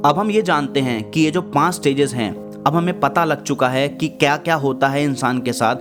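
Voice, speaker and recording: A man's voice: fairly high pitch, moderate pace. Man explaining patiently over guitar music. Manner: patient, explains step by step with everyday examples. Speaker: self-help channel host. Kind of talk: motivational explainer talk.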